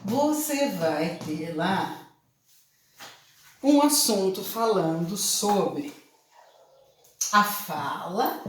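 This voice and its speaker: A woman's voice: medium pitch, a little hiss or hum. A woman teacher with a Brazilian Portuguese accent, giving a chatty lesson, repeating points and asking her students questions. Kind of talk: online class lesson. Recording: echoey room.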